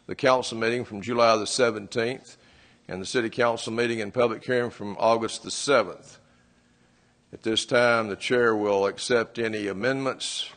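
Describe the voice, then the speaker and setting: A man's voice: on the low side, a bit bright. A man presiding over a city council meeting, formal and procedural as he calls votes and invites comments. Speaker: council chair.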